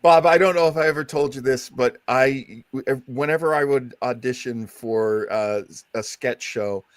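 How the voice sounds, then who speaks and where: A man's voice: mid-range voice, normal speed, no room sound. A man co-hosting a chat show, talking casually and agreeing often with his guest. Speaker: co-host.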